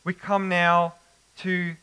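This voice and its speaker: A man preaching an expository sermon, slow and emphatic with dramatic pauses. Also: high voice, completely flat delivery, sharp tone, smooth, rough recording.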